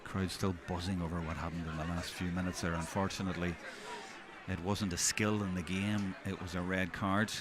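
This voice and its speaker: Male match commentator, lower-pitched, observational play-by-play from an outdoor stand with loud crowd and background noise. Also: flat delivery, a little fast. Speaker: sports commentator. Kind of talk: live hurling match commentary.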